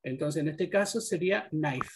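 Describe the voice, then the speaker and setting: A man's voice: on the high side, moderate pace, slight background noise. A man teaching an English class, patiently explaining pronunciation rules step by step. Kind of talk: online class instruction.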